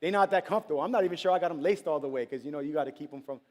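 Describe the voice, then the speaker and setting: A man preaching a sermon in a casual, storytelling way, acting out conversations with sudden high-pitched exclamations. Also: racing, a little mellow.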